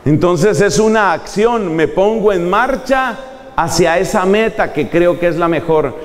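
Male preacher, lively and humorous, fairly high voice, long echo of a church hall. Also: unhurried. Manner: animated, humorous, acting out examples. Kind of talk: sermon.

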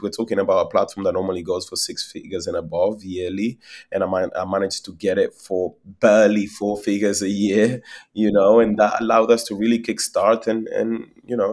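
This young adult from Spain, a company founder, speaks with a low, somewhat mellow voice, talking at length and repeating words as he thinks. The interview is a video call recorded on a laptop webcam mic in a small indoor room at home.

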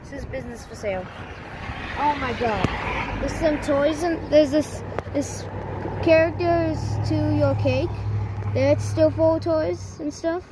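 Traffic and outdoor noise are plain behind this high-voiced woman, who speaks a little slowly while filming abandoned places on her phone. Walking from the roadside into an empty shop, she narrates casually, keeps exclaiming "oh my god" and says things twice in disbelief.

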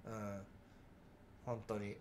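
A man's voice: on the low side, completely flat delivery, takes it slowly, a little mellow. A man in his forties with a nasal voice, hosting a casual livestream and chatting back to viewer comments. He projects his voice so that it carries, and he talks freely with a lot of fillers. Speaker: livestream host.

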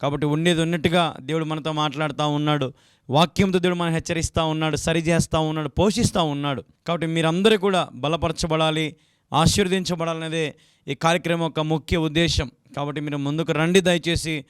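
A man's voice: fairly high pitch, fairly even intonation, brisk, smooth, no room sound, studio quality. A young man from Andhra Pradesh, a pastor giving a televised sermon, pleading earnestly and repeating filler words as he asks viewers for support. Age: young adult. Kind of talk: televised sermon with donation appeal.

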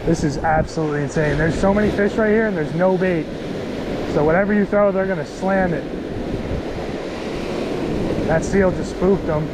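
Frantic young man shouting on a windy beach. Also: high voice, normal speed, long pauses. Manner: frantic, exclaiming, says bro a lot. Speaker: fishing vlogger. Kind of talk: excited casual commentary while fishing. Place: windy ocean beach outdoors. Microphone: chest-mounted action camera. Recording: loud wind and surf noise.

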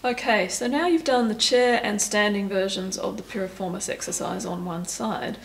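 A woman stretching instructor giving calm, step-by-step cues and counting down holds. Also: mid-range voice, normal speed, gravelly, echoey room, slight background noise, low-quality recording. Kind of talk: guided exercise instruction.

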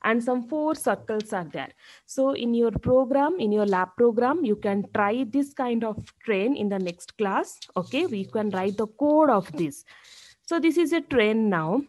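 A woman's voice: a little high, lively intonation, measured pace, a little mellow, poor audio. A woman with an Indian accent giving an explanatory classroom lecture like a professor, often checking in with "okay?".

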